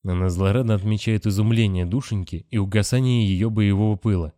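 A low-voiced male audiobook narrator reads scripted narration in a steady, measured manner. The recording is dry and close-miked, with no room sound.

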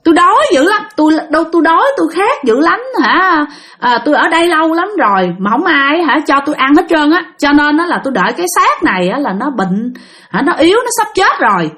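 A woman's voice: high-pitched, very animated, fast talker, fairly bright tone, pitched above the performer's own voice. A woman voicing a starving wandering spirit that pleads and complains over and over. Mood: pleading.

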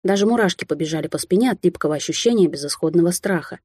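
Dark, husky woman narrating a story. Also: on the low side, lively intonation, quick pace, no room sound, clean studio sound. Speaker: audiobook narrator. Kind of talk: first-person audiobook narration.

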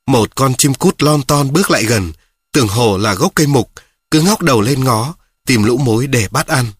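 A man reads children's stories aloud at a steady, measured pace. His voice is husky and sits in a middle pitch. The recording is dry and close, with no room sound. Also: no room sound. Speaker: storyteller. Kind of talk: scripted storytelling narration for children.

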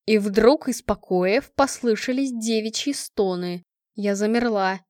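A woman reading a first-person fantasy audiobook in a lively, expressive way, recorded on a close studio mic. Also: medium pitch, a little slow, no room sound. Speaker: audiobook narrator.

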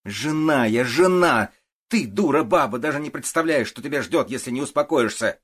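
Guy doing a bossy loud woman in an audiobook, husky, pushes everyone around. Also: medium pitch, a little fast, pitched above the performer's own voice, natural voice. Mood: insistent. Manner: bossy, insistent, threatening. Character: pushy, commanding woman with powerful connections.

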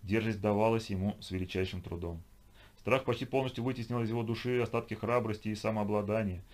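A man narrating an audiobook in a measured, even manner. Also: lowish voice. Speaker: audiobook reader. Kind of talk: scripted narration.

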